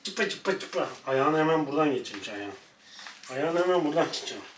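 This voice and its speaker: A man's voice: on the high side, expressive, brisk. A man vlogging at home with his dog, playfully chatting to viewers and scolding the dog in between. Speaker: pet vlogger. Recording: echoey room, mic at a distance, faint noise.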